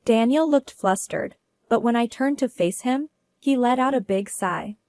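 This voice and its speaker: High, dry-voiced woman narrating a story. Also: a little slow, dry recording. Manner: steady, earnest storytelling. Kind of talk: first-person story narration.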